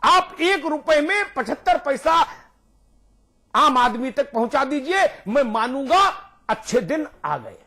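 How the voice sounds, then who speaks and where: Man on a tv debate panel, high voice that jumps all over, keeps hammering his point. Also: big pitch swings, slow pace, bright, forceful tone. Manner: emphatic and rhetorical, repeats points for force. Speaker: panel guest on a TV news debate. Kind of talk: heated TV debate argument.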